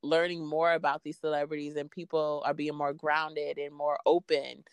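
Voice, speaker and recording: This freelance podcaster from Queens, New York, is a guest in a relaxed interview. Her low voice is clean and level at a normal pace, recorded with no echo. She talks informally, sprinkling in plenty of "like" and "you know."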